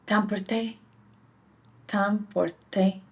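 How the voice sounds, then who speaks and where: A woman's voice: mid-range voice, steady tone, very slow. A woman hosting her own channel, practicing French phrases aloud, repeating each one carefully and correcting herself; French is not her first language. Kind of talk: slow pronunciation practice.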